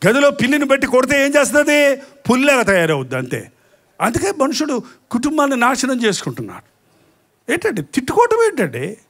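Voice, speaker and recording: High-voiced animated preacher man. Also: brisk. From India. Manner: animated preaching with mimicked quarrels and rhetorical questions. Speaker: pastor. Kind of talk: sermon.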